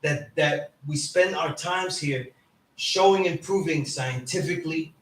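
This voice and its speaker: A man with a somewhat high voice lectures a class informally at a measured pace, speaking emphatically and often asking "right?" to check in. He's a teacher in an indoor classroom, and the recording is echoey, with a distant mic and background noise.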